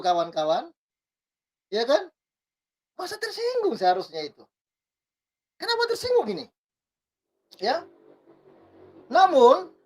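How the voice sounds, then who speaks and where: Woman, slightly high voice, casual commentator: reads comments, then adds teasing, sermon-tinged remarks. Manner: reads text aloud then adds wry remarks, often asks "ya kan?". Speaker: commentator reading news and comments. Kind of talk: casual spoken commentary on a news item.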